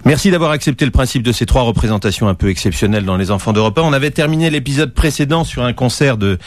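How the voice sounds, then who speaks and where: A man's voice: mid-range voice, animated, quick pace, no room sound. A man presenting a radio programme from a script in a studio. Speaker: radio host. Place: dry studio.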